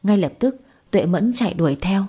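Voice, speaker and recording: A woman tells a first-person story at a brisk, lively pace. Her voice is mellow and warm, with a husky breathiness. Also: medium pitch. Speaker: narrator.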